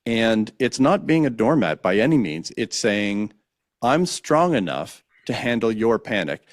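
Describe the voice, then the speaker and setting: A man with a low-set voice speaks as a podcast guest, earnestly walking through de-escalation and voicing sample exchanges. The recording is dry and close, with almost no room sound. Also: very animated, unhurried, dry recording. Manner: earnest, explains with acted-out example dialogues. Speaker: guest, de-escalation trainer for law enforcement. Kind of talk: conversational podcast interview.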